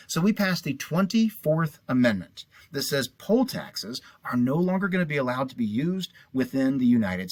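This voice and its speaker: A man's voice: medium pitch, slightly rough, no echo. A middle-aged man giving a chatty, casual lesson, repeating little memory rhymes. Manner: chatty, repeats mnemonic rhymes, lots of fillers. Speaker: teacher. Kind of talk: casual classroom lecture.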